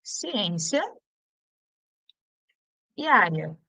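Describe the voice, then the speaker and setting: A woman teacher with a Brazilian accent giving an exam-prep grammar lesson. She drills students with repeated questions and slows down to spell out each rule. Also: mid-range voice, very animated, creaky, pushed and bright. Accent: Brazilian Portuguese.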